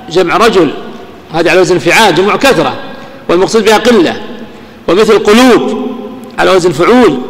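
A man, speaking in a high voice, lectures on grammar. He quizzes his listeners with rhetorical questions and slows down to recite verses. His voice rings through a hall with a long, lingering reverb. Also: a bit bright. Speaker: grammar teacher. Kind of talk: recorded classroom lecture.

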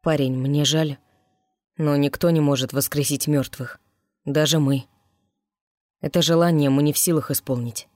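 A reader voicing a blunt, gruff demon guardian in an audiobook, close to the reader's own voice. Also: mid-range voice, steady tone, moderate pace, long pauses, darkish tone, dry recording, natural voice. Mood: gentle. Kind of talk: audiobook character voice.

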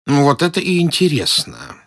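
A man's voice: on the high side, huge pitch swings, normal speed, voice pushed up. A man doing a whiny, fussy old professor. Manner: whining, indignant, pedantic. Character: fussy, timid elderly male professor, whiny. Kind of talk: audiobook character voice.

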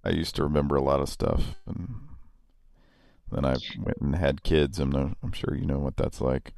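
A man's voice: very deep voice, fairly even intonation, moderate pace, gravelly, darkish tone, no echo. A man in his thirties with a light Oklahoma accent, co-hosting a casual chat over a video call, laughing often and rambling through stories. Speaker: podcast co-host.

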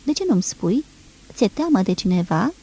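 A woman's voice: medium pitch, big pitch swings, dark tone, slightly rough. A woman reading an audiobook, voicing an anxious, insistent young man in love, asking in an urgent, questioning way.

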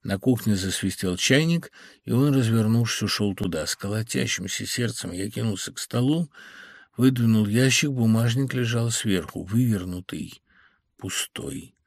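A man reading an audiobook in a measured, even storytelling voice on a close studio mic. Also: lowish voice, vocal fry, dry recording. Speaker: audiobook reader. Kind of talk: audiobook narration.

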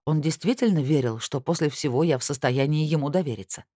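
A woman's voice: sits low, fast talker, warm tone, no echo, clean studio sound. Woman narrating a fantasy audiobook. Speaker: audiobook reader.

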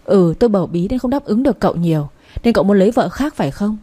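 Jealous young wife, read by a woman, sharp, accusing, mellow voice. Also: medium pitch, animated, fast talker, breathy edge. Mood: hurt, angry.

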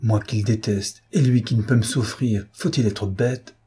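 A man's voice: on the low side, fairly even intonation, moderate pace, warm tone, husky. A man voicing an impulsive young woman who pleads like a scolded child in a storybook reading. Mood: contrite.

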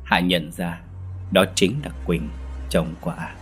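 A man narrating a horror story in a steady, measured way, with faint music behind. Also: sits low.

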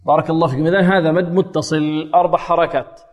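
A man teaching Quran recitation, quizzing his students with questions and chanting verses slowly to show the rules. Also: on the high side, steady tone, in a large hall. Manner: asks the class rhetorical questions and then answers them.

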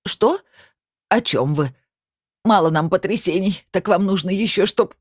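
A man's voice: mid-range voice, lively intonation, normal speed, no room sound, studio quality, close to an everyday voice. A narrator voicing a nervous, shaken elderly woman over sixty. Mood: agitated. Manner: nervous, unsure.

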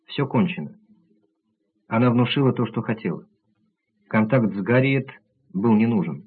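A man reading the part of a calm, analytical doctor who lays out his reasoning methodically, in a husky low voice on tinny audio. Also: normal speed. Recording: tinny narrow-band audio.

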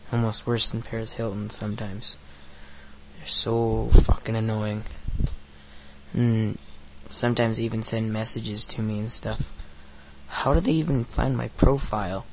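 Still getting over a hoarse throat, this teenage podcast host rambles through a crude solo rant packed with fillers and curse words. He's thirteen, speaks a little slowly in a lowish voice with little pitch movement, and the rough recording has a little hiss or hum.

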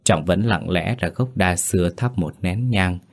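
A man reading scripted horror story narration in a slow, grave storytelling manner. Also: low-pitched, creaky. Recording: faint background music.

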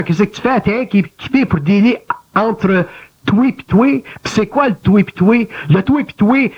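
A man with a Québécois accent speaking in a colloquial, animated way in an interview, mimicking inner voices. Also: high voice. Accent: Québécois French. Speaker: guest speaker. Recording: dull lo-fi archival recording.

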